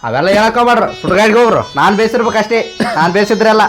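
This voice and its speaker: A man's voice: sits high, very fast, over music, close to an everyday voice. A young man acting a stubborn spoiled younger son who keeps demanding his share. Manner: defiant, dismissive, repeats demands.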